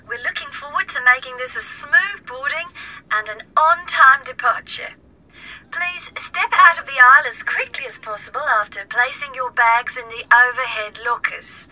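Woman, cabin announcer; high, sharp tone, courteous scripted delivery, recorded at a distance. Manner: polite, measured announcer delivery. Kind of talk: scripted in-flight boarding announcement.

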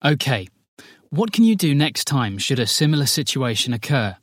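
A man playing a firm, businesslike senior flight attendant in a scripted lesson dialogue, articulating clearly. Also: medium pitch, very animated, normal speed, no echo, studio quality. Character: male senior cabin crew leader, firm and businesslike.

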